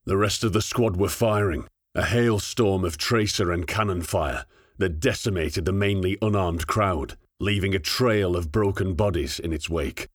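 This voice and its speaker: Deep, husky male audiobook narrator. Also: moderate pace, dry recording, studio quality. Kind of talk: scripted narration.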